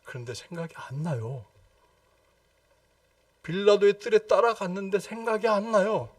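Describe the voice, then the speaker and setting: A man preaching an evening prayer sermon as pastor, emphatic, firing repeated questions at the congregation and swinging from loud exclamations to hushed low lines. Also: moderate pace, no room sound, distant mic. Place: church sanctuary.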